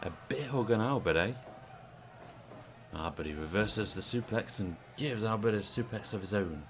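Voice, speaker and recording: A British man giving casual play-by-play commentary on a video game wrestling stream, chatty and relaxed. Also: on the low side, moderate pace, faint music behind. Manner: chatty, relaxed, asks the audience.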